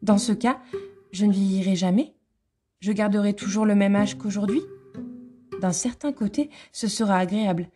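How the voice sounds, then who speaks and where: A woman's voice: mid-range voice, normal speed, warm tone, soft background music, close to an everyday voice. Alice, a puzzled young girl, read by a woman. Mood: musing. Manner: wondering, musing aloud. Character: curious young girl, puzzled, talking to herself.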